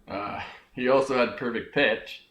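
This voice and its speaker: A young man talks through a scripted history lesson with a bright, forward tone, cracking jokes and answering himself. The room around him rings with echo. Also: mid-range voice, unhurried. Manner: jokey, talks back to himself. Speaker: host of a homemade history video.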